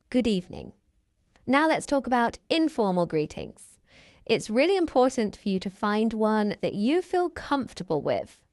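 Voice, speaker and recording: A woman's voice: mid-range voice, a little mellow, no echo, clean studio sound. A woman teaching in a chatty, candid way, with many spoken examples. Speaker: English teacher. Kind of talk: conversational English lesson.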